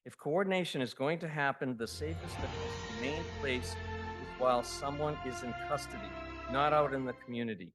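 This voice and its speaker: A man's voice: medium pitch, moderate pace, loud music behind the voice. Man reading a formal prepared statement. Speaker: resident giving public comment. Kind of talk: prepared public comment statement. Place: city council chambers.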